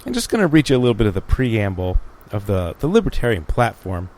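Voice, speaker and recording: A man's voice: on the low side, wildly swooping pitch, quick pace, darkish tone. Hesitant man musing on a podcast. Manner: hesitant with many fillers, wry. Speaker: podcast co-host. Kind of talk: casual chat and reading aloud.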